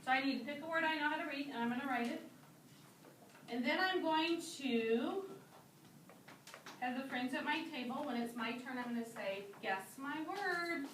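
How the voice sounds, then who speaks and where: A woman teaching a kindergarten class, drawing out words slowly so young children can repeat them. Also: high-pitched, a bit bright. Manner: slow, drawn-out modeling of words. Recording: echoey classroom from far off, noisy.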